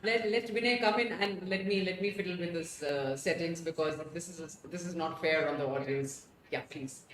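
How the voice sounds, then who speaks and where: A woman panelist joining remotely by video call, brisk and practical, her voice echoing from a second device. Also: on the low side, steady tone. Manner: brisk, practical, sorting out audio trouble. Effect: echo from a second device. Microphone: computer mic on a video call. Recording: echoey, distant, faint room noise.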